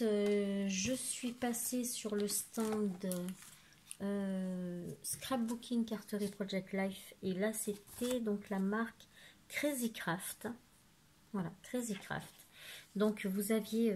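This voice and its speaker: A woman's voice: mid-range voice, a little mellow, a little hiss or hum. A woman who chats through a casual craft haul video. She rambles with plenty of fillers and keeps saying "voilà" as she speaks into her phone at home. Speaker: craft vlogger. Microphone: phone camera.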